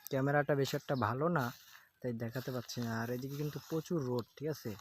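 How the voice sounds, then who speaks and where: It's this man's first vlog: he films with an old phone in hand outdoors beside fields in hot sunshine, rambling casually and frequently asking "okay?". He's a fast talker with a medium pitch and steady tone, and there's slight background noise.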